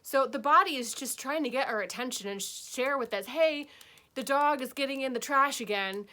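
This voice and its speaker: Woman healing teacher, casual spiritual talk, bright and a bit high-pitched, chatty check-ins. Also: normal speed. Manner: chatty, keeps checking in with "okay?" and "right?".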